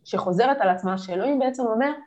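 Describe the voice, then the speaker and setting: A woman business coach speaking as a guest on a podcast, giving energetic motivational advice with lively emphasis. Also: fairly high pitch.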